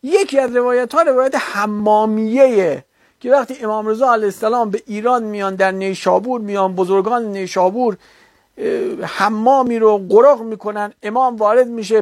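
A man with a high, steady voice gives a religious lecture, making his argument and countering an opponent ever more insistently, building to a heated rebuttal. There is no echo on the recording.

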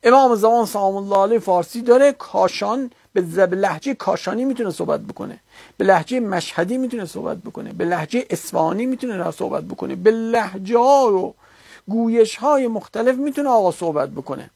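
A man's voice: high-pitched, animated, gravelly, a little mellow, husky, dry recording. Dry-sounding man giving an argumentative religious lecture. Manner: argumentative, rising to heated rebuttal.

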